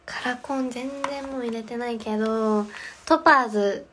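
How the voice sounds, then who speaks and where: A woman's voice: a little high, steady tone, normal speed, a bit bright, a little hiss or hum. A young woman casually chatting on a phone livestream from home, reading viewer comments aloud and answering them. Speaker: livestream host. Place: home, indoors.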